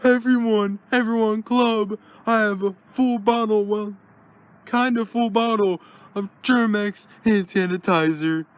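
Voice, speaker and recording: A man voicing a sneaky plush toy who calls out loud, wheedling announcements. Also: sits high, slow pace, clean tone. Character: Ted, coughing plush toy, sneaky seeker. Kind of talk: plush toy puppet skit.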